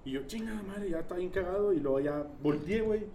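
Fast-talking slangy Mexican young man. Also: fairly high pitch, slight background noise. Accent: Mexican Spanish. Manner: slangy, swearing, animated storytelling. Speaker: storyteller. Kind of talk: casual chat.

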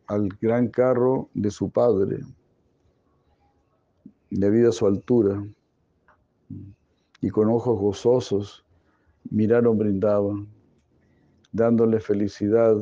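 A man's voice: fairly low pitch, creaky, mellow, no room sound, dull audio. A man retelling a devotional story in class, digressive and joking, often correcting himself.

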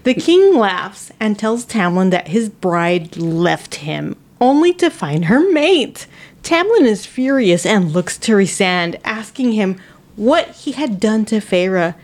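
A woman co-hosting a book podcast, reading a chapter summary slowly and breaking off into playful asides. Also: mid-range voice, very animated, a little mellow. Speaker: podcast co-host.

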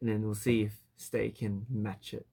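A man hosting a casual chat, excitable and switching between Korean and English. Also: fairly low pitch, normal speed, creaky, a little hiss or hum. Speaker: radio host.

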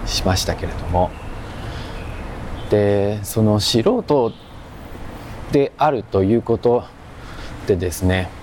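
Male amateur podcaster, lowish pitch, hushed and unhurried, casual monologue on a walk, clearly noisy outdoor sound. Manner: hushed, keeping voice low in quiet public surroundings. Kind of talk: casual solo podcast monologue recorded while strolling. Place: outdoors, walking through a park-like area. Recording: noisy outdoor recording with ambient hum.

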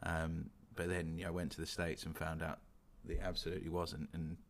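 A young man with a London accent talks in a deep, low register. He chats casually as a podcast co-host, thinking aloud and qualifying nearly every point with "sort of" and "you know". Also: monotone, brisk. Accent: London English. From England. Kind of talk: casual chat.

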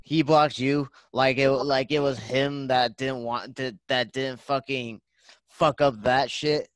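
A man's voice: mid-range voice, fairly even intonation, takes it slowly. A young man on a podcast, laid-back and crude in his jokes. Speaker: podcast co-host. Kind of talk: casual chat.

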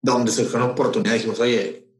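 A man's voice: mid-range voice, steady tone, fast talker. A man with a Mexican accent, an event promoter telling a story in a casual interview, rambling with many fillers and restarts. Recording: roomy echo.

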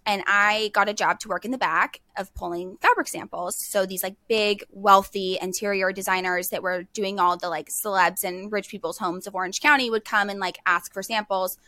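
Young woman podcast guest, bright tense voice, dry close sound, chatty "like"-filled delivery. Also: mid-range voice, steady tone, moderate pace, few pauses, no room sound. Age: young adult. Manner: chatty, peppered with "like". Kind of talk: casual podcast storytelling.

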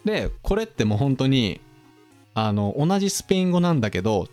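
A man's voice: medium pitch, a little fast, soft background music. A man hosting a casual podcast, explaining topics to his co-host in a chatty, quizzing manner. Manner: lively, quizzes his co-host, drops into playful impressions.

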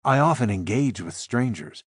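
Husky-voiced man narrating a thriller. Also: medium pitch, expressive, normal speed, dry recording, clean studio sound. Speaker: audiobook narrator. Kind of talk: first-person thriller narration.

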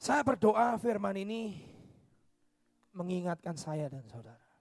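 A man preaching a sermon, swinging from shouts down to whispers. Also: high voice, lively intonation, unhurried, gravelly, no echo.

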